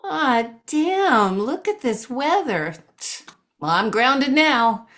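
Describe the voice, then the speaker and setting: A woman's voice: high-pitched, big pitch swings, very slow, a bit bright, exaggerated voice. A woman playing a chatty, meddling Tooth Fairy in an improvised comic scene, over a video call. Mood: nosy chatty. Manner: chatty, gossipy, nosy.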